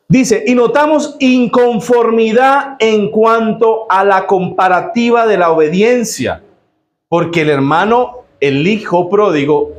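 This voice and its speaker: Nicaraguan pastor guy preaching, kinda high voice, punchy, keeps asking the church questions, echoey room. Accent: Nicaraguan Spanish. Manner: emphatic, exclamatory, quizzes the congregation with rhetorical questions. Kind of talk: sermon.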